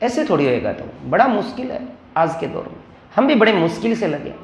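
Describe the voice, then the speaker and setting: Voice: medium pitch, big pitch swings, brisk. A teacher voicing a nosy, boastful older neighbour uncle who lectures a student, in a roomy classroom. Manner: lecturing, know-it-all.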